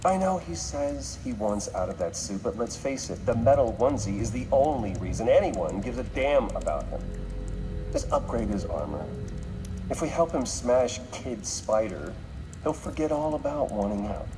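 An actor playing a cold, scheming corporate boss dictating a memo in a video game, dismissive and sardonic. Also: male voice, medium pitch, big pitch swings, normal speed, close to an everyday voice. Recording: long hall reverb, music behind.

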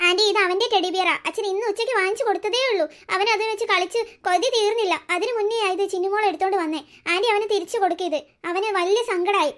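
A woman's voice: very high voice, fast talker, few pauses, fairly bright tone. A woman voicing a caring, outspoken older sister in a cartoon story who protects her little brother. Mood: defiant.

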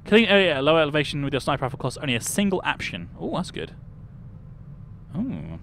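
A young man from Britain talks through a game on a live stream, greeting viewers, laughing and musing aloud. His voice sits a little high for a man. A faint hum runs under the recording. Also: huge pitch swings, quick pace, a bit bright. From United Kingdom. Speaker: livestreamer. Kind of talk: casual game livestream chat.

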